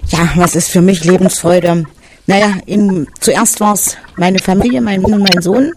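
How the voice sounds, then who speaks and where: An older woman answering a host's questions in a casual radio chat, plain and unhurried. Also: lowish voice. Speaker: radio guest.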